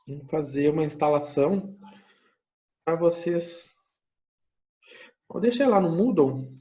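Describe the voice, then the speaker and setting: A university lecturer with a Brazilian Portuguese accent teaches an online class with screen sharing, working through things step by step, thinking aloud and often checking in with listeners. His voice is on the high side, expressive, slow and a little mellow, in a muffled recording.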